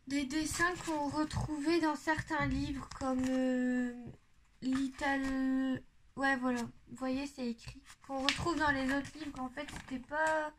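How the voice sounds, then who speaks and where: A woman's voice: high-pitched, a bit bright, a little hiss or hum. A woman talking casually to camera as she shows her coloring books, chatty and hesitant, often restarting and trailing off. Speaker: coloring-book vlogger. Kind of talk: casual show-and-tell chat to camera. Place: indoors at home in sunlight.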